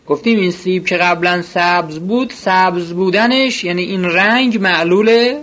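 A man's voice: high voice, fairly bright tone, slight background noise. A man teaching a seminary-style philosophy lesson, reading short Arabic phrases and then explaining them in everyday speech, asking and answering his own questions.

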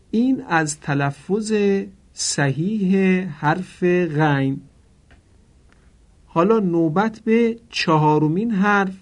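A man gives a formal pronunciation lesson for Quran recitation. His voice sits a little high. He explains politely, then draws out each example word slowly for his students to repeat. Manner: formal and polite, drawing out Arabic example words slowly for repetition.

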